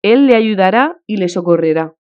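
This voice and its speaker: A devout countess, effusive and fervent, pressing consolation with feeling, as a woman reading the audiobook puts her on. Her voice sits at an ordinary mid pitch. The recording is slightly muffled and lo-fi. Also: animated, normal speed, smooth, lightly acted. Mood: consoling.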